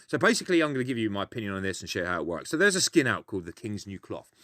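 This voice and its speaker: A man's voice: fairly low pitch, sing-song, rapid-fire, fairly bright tone, dry recording, clean studio sound. A British man explaining a game in a casual, grumpy, grumbling way, blunt and sweary as he gives his opinions. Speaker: gaming video host.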